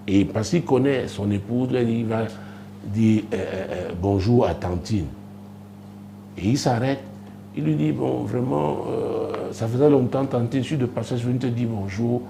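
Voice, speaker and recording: A man preaching a testimony on a broadcast show, telling a story with dramatic rises and hushed asides. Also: mid-range voice, gravelly, a little hiss or hum. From Cameroon. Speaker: apostle and preacher.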